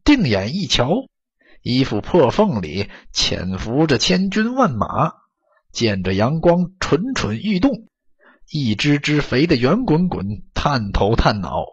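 Husky male storyteller, lively delivery. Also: medium pitch, slow, dull audio. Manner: expressive, dramatic storytelling. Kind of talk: audiobook story narration.

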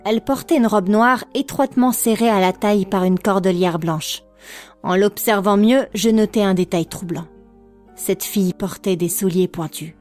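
A woman reading an audiobook in a steady, expressive storytelling manner. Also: medium pitch, normal speed, faint music behind. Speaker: audiobook narrator. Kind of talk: scripted audiobook narration.

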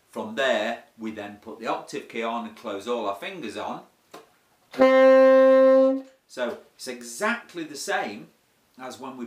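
A man's voice: mid-range voice, a bit bright. A man teaching a casual saxophone lesson, chatty and self-deprecating, explaining step by step. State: has the hiccups. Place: room with a board. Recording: roomy echo, heard from a distance.

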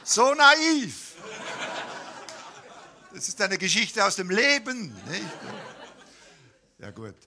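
Slow, ironic cabaret man. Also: high voice, huge pitch swings, a crowd in the background. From Switzerland. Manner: ironic, mock-polite. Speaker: cabaret performer. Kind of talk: satirical cabaret monologue.

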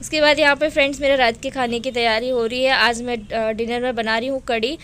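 A woman's voice: on the high side, steady tone, brisk. A woman in her thirties, a mother chatting to viewers in a casual home vlog, repeating words as she talks. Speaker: vlogger, mother. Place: home, indoors. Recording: phone vlog with loud rain noise.

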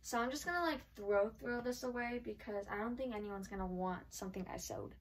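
A chatty woman vlogger talks through a clothing try-on haul in a fairly high voice at a fairly quick pace, peppering her speech with "like." She sounds a little way off the mic, and the recording is rough.

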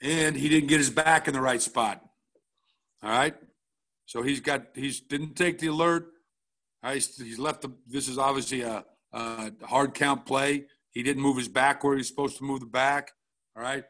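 A man's voice: medium pitch, steady tone, normal speed, a bit bright. A middle-aged man, a football coach, walking through game film at a coaching clinic in a blunt, casual way, checking in often with "all right?".

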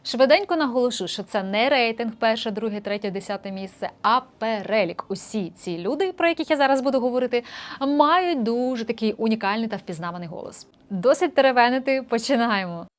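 A woman's voice: on the high side, lively intonation, brisk. A young woman vocal coach in a casual lesson, explaining voice technique and breaking into short sung demonstrations. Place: indoor room with a street musician outside.

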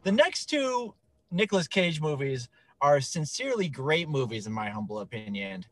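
A man co-hosting a podcast, joking around, laughing and rambling. His voice sits a bit high. He swings widely in pitch as he talks. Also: big pitch swings, normal speed, fairly bright tone. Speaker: podcast co-host. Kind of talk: casual chat.

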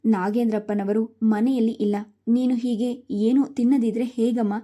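A woman's voice: fairly high pitch, flat delivery, normal speed, close to an everyday voice. Woman voicing a kind older comforting woman. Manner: gentle, comforting. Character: kind elderly woman comforting a young mother.

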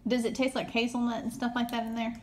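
A woman's voice: fairly high pitch, level tone, quick pace, a little mellow, slight background noise. A woman in her thirties with a Tennessee accent, hosting a casual snack unboxing and reading out the product blurbs. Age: 30s. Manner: reads out product blurbs, asks questions. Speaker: host.

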